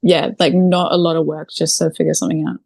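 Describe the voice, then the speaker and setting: Her low, husky voice is flat, fast, creaky and a little mellow as this New Zealand video creator chats informally in a podcast interview, peppered with "like" and "literally." The recording is dry and studio quality.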